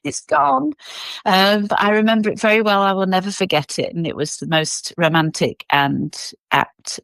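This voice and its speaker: A middle-aged woman from England, telling a personal story as an interview guest in an animated way with many fillers. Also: mid-range voice, moderate pace, vocal fry, no room sound.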